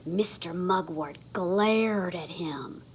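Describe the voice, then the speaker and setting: A woman with a fairly low, husky voice reads a children's story aloud at a slow pace. She makes it animated and expressive, putting dramatic emphasis on the sound words.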